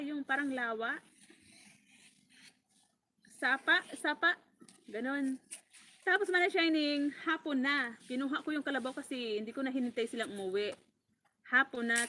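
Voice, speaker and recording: A woman from the Bicol countryside runs a farm vlog and tells a story as if to a friend. She is animated and laughs often, and her voice sits a little high. A faint hiss of noise runs under the recording. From Bicol, Philippines. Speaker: farm vlogger.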